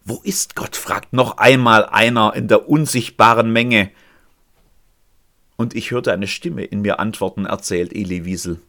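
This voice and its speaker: A man preaching a sermon, swinging between loud cries and hushed, almost whispered lines. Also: fairly low pitch, steady tone, measured pace.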